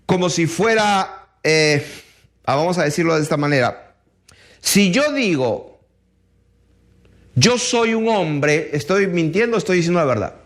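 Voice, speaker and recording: A man preaching a sermon, reading scripture aloud and asking his listeners rhetorical questions in a slow, emphatic way. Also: sits high, a bit bright. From Chile.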